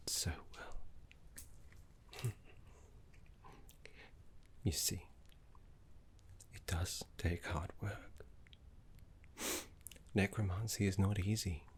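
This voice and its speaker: In an ASMR roleplay, a deep-voiced man plays a gentle, scholarly necromancy teacher guiding a student. He speaks softly and breathily, half-whispering in soothing, genteel phrases. His mood is kindly and encouraging.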